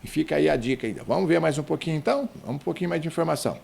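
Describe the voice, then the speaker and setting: A man's voice: a little high, lively intonation, very fast, creaky, a little mellow, breathy edge. A man from Brazil teaching a Portuguese exam-review lesson, explaining with rhetorical questions and talking straight to his students.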